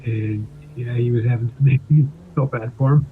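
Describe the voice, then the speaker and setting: A man's voice: medium pitch, steady tone, moderate pace, a little hiss or hum. Muffled man, as if through a wall. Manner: laid-back, hesitant with fillers. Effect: muffled, as if heard through a wall. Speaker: fellow streamer in voice chat. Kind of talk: casual chat. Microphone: headset mic over voice chat. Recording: muffled phone-like voice chat.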